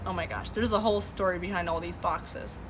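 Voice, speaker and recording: This livestream host, a native Farsi speaker, gives casual political commentary from home, where boxes are stacked behind her, and reads chat as music plays in the background. She speaks briskly in a fairly low, steady voice, earnest but peppered with fillers and restarts.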